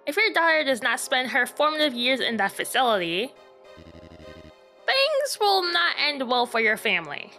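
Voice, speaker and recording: A woman voicing an old male doctor in a horror game, talking slowly and gravely. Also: sits high, very animated, bright, forceful tone, soft background music, full character voice. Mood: ominous.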